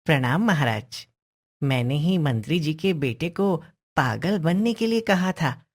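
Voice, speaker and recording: A woman voices a clever, confident young boy advising a king in a moral-story cartoon. He speaks very slowly and politely in a low voice with lively swings of tone, respectful yet sure of his persuasive wit.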